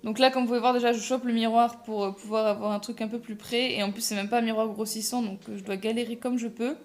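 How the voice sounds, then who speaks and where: A woman's voice: on the high side, steady tone, fast, soft background music. A young woman talking through a casual makeup tutorial, chatty and self-mocking, full of fillers and restarts. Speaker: makeup vlogger.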